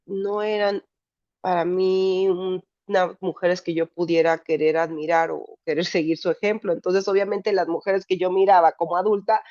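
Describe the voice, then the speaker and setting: A woman's voice: medium pitch, a little mellow, no echo. A woman psychologist giving a candid, emphatic personal talk to a support group. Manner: candid, emphatic, frank language. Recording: dull dry lo-fi recording.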